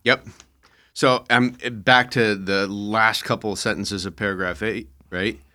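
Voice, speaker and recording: A middle-aged man co-hosting a casual faith podcast discussion, playful and quick to laugh at himself. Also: lowish voice, fairly even intonation, bright, forceful tone. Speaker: podcast co-host.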